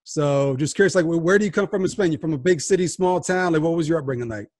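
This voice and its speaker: Man, podcast host, quick-talking, upbeat, dry close sound. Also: a little high, no room sound. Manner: energetic, hype host with frequent restarts. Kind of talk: sports podcast interview.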